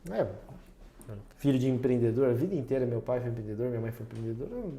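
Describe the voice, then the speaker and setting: Man talking in a warm, roomy podcast room. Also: medium pitch, lively intonation, quick pace, creaky, slight background noise. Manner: reflective storytelling, laughs often at himself. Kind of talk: casual podcast conversation. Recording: roomy echo.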